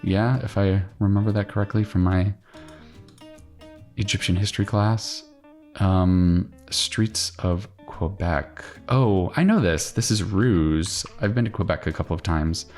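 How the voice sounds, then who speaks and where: A man thinking out loud in casual puzzle commentary, musing and questioning himself as he works. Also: low voice, unhurried. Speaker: crossword solver hosting a solve-along video. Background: plucked guitar music.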